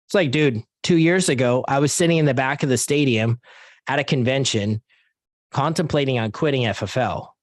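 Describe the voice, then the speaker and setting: At a moderate pace, a mid-range male voice runs a casual motivational sales training session online, captured in studio quality without echo. "Like" fills his sentences, and his listeners are "guys" and "dude" to him.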